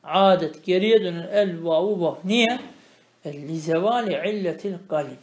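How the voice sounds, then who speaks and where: A man teaching a traditional grammar lesson. He reads Arabic phrases slowly, explains them, and keeps asking the student questions. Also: high voice, darkish tone, echoey room. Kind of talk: traditional religious lesson, explaining a text line by line.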